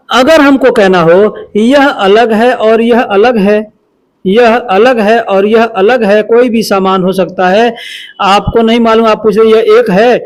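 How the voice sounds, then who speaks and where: Male teacher, higher voice, patient and repetitive delivery, breaks each phrase down slowly. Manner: patient, repeats phrases slowly and explains word by word. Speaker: Arabic teacher. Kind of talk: spoken language lesson.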